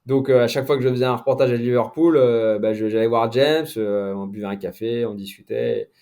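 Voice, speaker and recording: Mellow-voiced male sports journalist, hesitant. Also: mid-range voice, steady tone, fairly quick. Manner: hesitant, many fillers and restarts. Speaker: sports journalist, podcast guest. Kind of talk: casual conversational interview.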